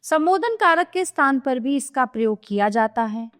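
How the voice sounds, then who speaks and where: A woman teacher giving a scripted grammar lesson to children, explaining clearly and steadily. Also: high voice, animated, normal speed, a bit bright.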